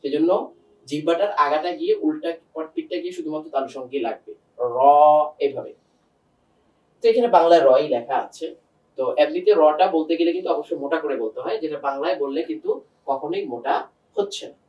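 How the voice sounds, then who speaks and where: A man's voice: fairly high pitch, quick pace, a little mellow, recorded from a distance, muffled recording. A man teaching Quran pronunciation one-on-one, patiently demonstrating single sounds and quizzing his student.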